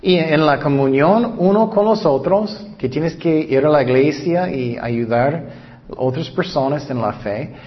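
Brief: male preacher, slightly high voice, halting sermon delivery, dull recording with long reverb. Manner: reads scripture aloud, repeats phrases for emphasis; hesitant, many fillers and restarts.

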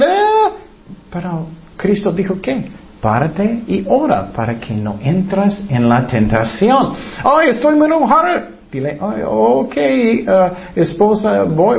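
A man preaching a sermon, asking rhetorical questions and acting out quoted voices with lots of animation. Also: high-pitched. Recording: dull lo-fi recording.

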